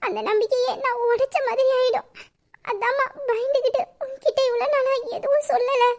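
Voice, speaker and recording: Tearful young woman in love, woman performing, high, pleading, audio drama. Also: fairly even intonation, moderate pace.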